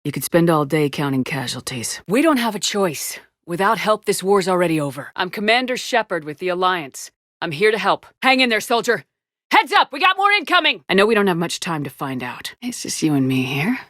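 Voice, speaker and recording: A woman's voice: on the low side, very animated, fairly quick, a bit bright, no room sound, studio quality. An actress playing a tough, resolute female military space commander in a sci-fi video game, firm, commanding and blunt. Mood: serious, then urgent. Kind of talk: cinematic sci-fi game dialogue.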